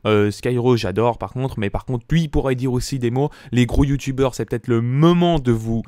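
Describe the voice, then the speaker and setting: A man's voice: moderate pace, no echo, clean studio sound. Angry gamer man ranting. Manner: furious, swearing, pitch jumping up when shouting. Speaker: gaming YouTuber. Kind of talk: angry rant over gameplay. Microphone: desk mic.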